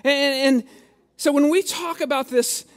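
A man's voice: extremely high pitch, unhurried. A middle-aged man, a pastor, preaching a sermon in a conversational way, with jokes and restarts.

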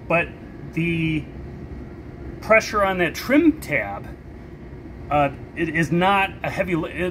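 A man's voice: on the high side, a little hiss or hum. Older man explaining a boat repair. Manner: relaxed, explains step by step while working. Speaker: sailing vlogger. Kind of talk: hands-on how-to demonstration. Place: large boat storage shed, indoors.

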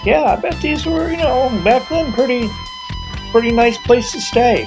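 A middle-aged man with a very high voice speaks at a moderate pace, music in the background. He's an urban explorer vlogger casually narrating his walk around an abandoned motel in the snow, chatty and enthusiastic with wandering asides, talking to a handheld camera held at arm's length.

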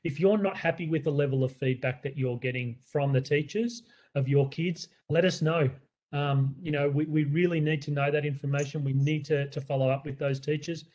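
A man's voice: on the high side, steady tone, a little fast, darkish tone. An Australian man who leads a school, presenting to parents in an earnest, conversational way with many fillers and restarts. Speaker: school leader.

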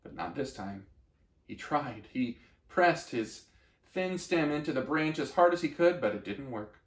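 A man reading a children's storybook aloud in a gentle, expressive way. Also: mid-range voice, measured pace, echoey room. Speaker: story reader.

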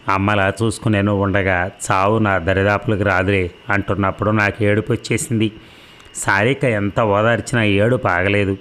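A man reading a serialized novel aloud in an even, steady storytelling voice. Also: on the low side. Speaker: narrator.

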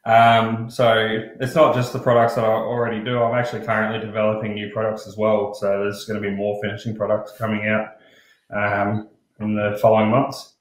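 A man's voice: on the low side, completely flat delivery, a little fast, reverberant, rough recording. A young man joining a chat over a video call, speaking plainly and matter-of-factly. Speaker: guest business owner. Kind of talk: casual chat.

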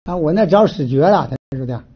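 A man from Northeast China with a Northeastern Mandarin accent, giving a folksy moral lecture in an animated storytelling way, often restarting with fillers. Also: a little high, fast, slightly rough. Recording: dull lo-fi recording.

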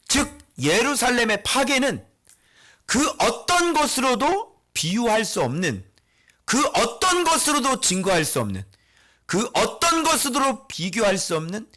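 High, lively Korean pastor preaching. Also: male voice, measured pace. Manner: dramatic swings from hushed whispers to shouts; asks the congregation questions and answers them. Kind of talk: sermon.

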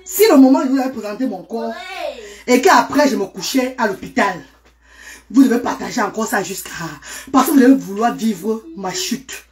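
A woman's voice: fairly high pitch, normal speed, darkish tone. A woman talking live to her viewers in a casual stream, exclamatory and greeting people by name.

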